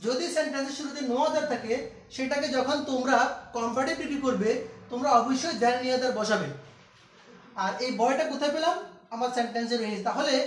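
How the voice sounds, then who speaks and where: High-voiced male teacher in an echoey room. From Bangladesh. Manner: repeats key steps, asks students questions. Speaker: English teacher. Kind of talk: classroom grammar lesson. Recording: echoey room, distant mic.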